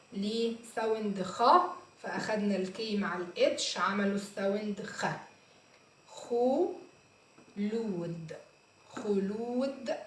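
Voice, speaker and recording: A woman with an Egyptian Arabic accent teaching a phonics lesson, sounding out letters slowly and repeating each word. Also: mid-range voice, a little hiss or hum. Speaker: English teacher. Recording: echoey room, mic far off.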